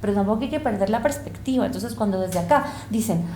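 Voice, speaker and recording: A woman's voice: mid-range voice, lively intonation, quick pace, warm tone, a little hiss or hum. Earnest woman in an echoey room. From El Salvador and Colombia. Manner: earnest, impassioned, reflective. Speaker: guest, university lecturer and researcher. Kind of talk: conversational interview.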